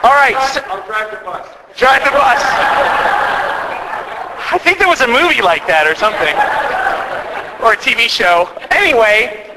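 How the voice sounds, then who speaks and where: A man's voice: high-pitched, big-room sound, background noise. A man who is a priest, telling a chatty, self-deprecating comedy story to a live audience and acting out the quotes. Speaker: priest doing stand-up comedy. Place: parish hall with live audience.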